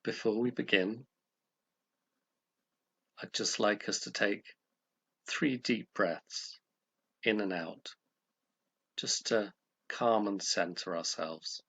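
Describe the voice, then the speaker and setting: A man with a fairly low, slightly breathy voice leads a guided meditation. He offers gentle, calm instructions in short, measured phrases with pauses in between.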